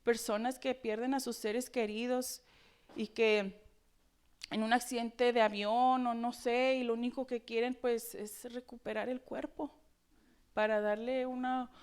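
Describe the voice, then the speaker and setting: A woman preacher delivering a Sunday sermon with expressive, dramatic rhetorical questions. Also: on the high side, slow pace, smooth.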